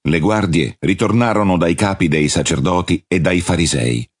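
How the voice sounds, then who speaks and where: A man narrating a scripted Bible reading in a measured, husky voice. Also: deep voice, dry recording, studio quality.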